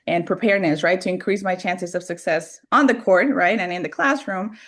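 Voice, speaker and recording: Woman from Colombia, panel guest, lowish voice, earnest, lots of ums. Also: fairly quick, a bit bright. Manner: earnest, many fillers and restarts. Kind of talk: panel discussion.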